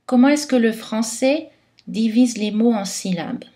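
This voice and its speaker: A woman giving a scripted phonetics lesson, articulating each word carefully and clearly. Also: a little high, measured pace, mellow. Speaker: phonetics teacher.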